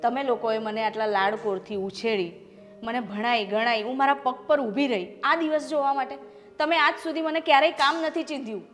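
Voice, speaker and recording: A young adult woman with a fairly high, fairly bright, natural voice speaks fairly quickly as an unhappy young married daughter who is also a doctor. In this short family drama she is upset, pleading with and defying her parents. The recording has long reverb and background music.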